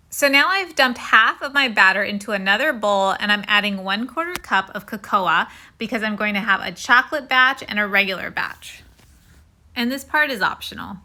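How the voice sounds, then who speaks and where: A woman's voice: fairly high pitch, bright, forceful tone. A woman hosting a home cooking video, talking through a recipe step by step in a casual, friendly way.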